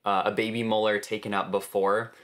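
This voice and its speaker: A man's voice: lowish voice, flat delivery, brisk, fairly bright tone. A young adult man chatting casually through a personal storytime vlog, quoting what others said as he goes. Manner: chatty, recounts others' words in quotes. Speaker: vlogger. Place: small bedroom, indoors.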